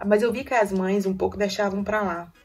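A woman's voice: medium pitch, a little fast, recorded from a distance, noisy background. A young mother, emotionally retelling her story in a casual vlog and acting out what people said to her. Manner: emotional, lively retelling that acts out quoted dialogue. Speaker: vlogger, first-time mother.

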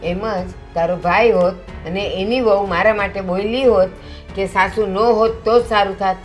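A middle-aged woman playing a sensible mother who calmly lectures her daughter. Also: mid-range voice, normal speed, faint music behind, lightly acted. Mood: lecturing. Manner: calm, lecturing.

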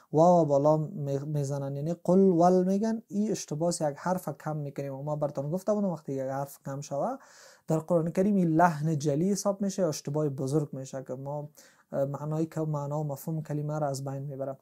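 A man's voice: on the high side, warm tone. A man, explaining a tajweed lesson as a Quran recitation teacher, patient and step by step.

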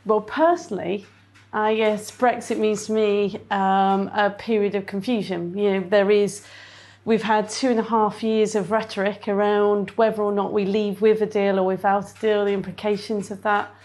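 Even-toned woman interviewed in an office. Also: medium pitch, normal speed. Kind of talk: sit-down interview. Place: indoor office.

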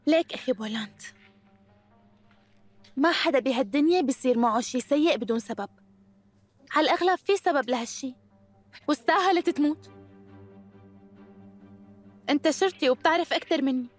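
A woman's voice: sits high, brisk, pauses often, soft background music, lightly acted. A woman dubbing a young woman accused of murder, who is defiant and insists tearfully that she is innocent. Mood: cold. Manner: insists on her innocence, breaks into tears. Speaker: dubbing actress. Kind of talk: Arabic dub of a TV drama.

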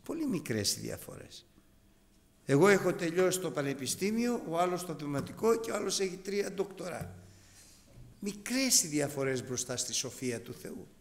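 A man in his fifties preaching a sermon to his congregation, animated and emphatic. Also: on the high side, vocal fry. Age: 50s. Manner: animated, emphatic, addresses brethren. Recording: hall reverb.

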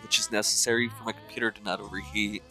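A man's voice: on the low side, flat delivery, fast, pushed and bright, soft background music. A man with a nasal voice giving casual, sarcastic gameplay commentary on a close microphone at his home computer. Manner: chatty, sarcastic, complaining. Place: home computer desk with fan running.

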